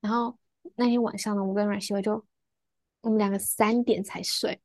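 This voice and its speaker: A young woman, a student, chatting casually on a podcast and telling a story with quick laughs, acting out the lines people said. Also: mid-range voice, steady tone, a little mellow, no echo. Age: young adult.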